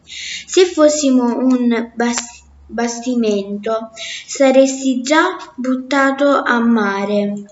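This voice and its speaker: A woman's voice: fairly high pitch, extremely slow, echoey room, dull audio. A woman voicing a grumbling old retired ship's mouse in a storybook reading.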